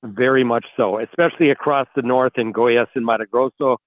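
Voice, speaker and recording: A man analysing farm markets as a guest on a call-in radio interview, heard over a buzzy, glitchy phone connection that breaks up, talking in halting bursts with repeated words. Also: medium pitch, steady tone, no echo. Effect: buzzy, glitchy phone call audio that breaks up. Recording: dry, tinny phone line.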